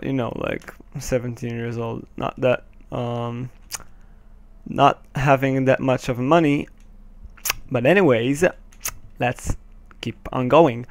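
Commentating on gameplay through a headset, an Israeli teen with an Israeli accent and Hebrew as his native tongue sounds hesitant, with many ums, nervous laughs, and swearing when things go wrong. His voice is mid-range, with no echo.

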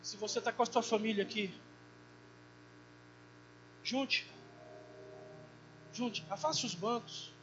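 A high-pitched male pastor preaches fervently in a church, his words swelling into loud, heartfelt prayer. The recording sounds dull and muffled, with a clear electrical hum underneath. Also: slow, pauses often. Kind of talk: sermon.

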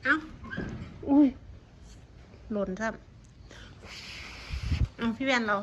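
A woman's voice: sits high, very slow, a bit bright, lo-fi sound, a little hiss or hum. A woman with an Isan Thai accent, chatting casually and coaxing her pets in a sing-song voice. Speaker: pet vlogger.

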